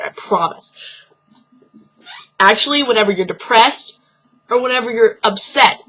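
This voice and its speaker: A woman's voice: medium pitch, sharp tone, rough recording. A young woman vlogging casual advice, blunt and earnest, swearing freely as she talks straight to the viewer.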